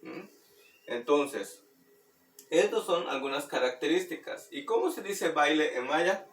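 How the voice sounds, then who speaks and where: A man teaching Maya words through a children's song, speaking slowly and patiently and repeating words for practice. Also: a little high, lively intonation, fairly bright tone. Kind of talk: explaining and demonstrating a children's song. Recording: roomy, distant mic, faint background noise.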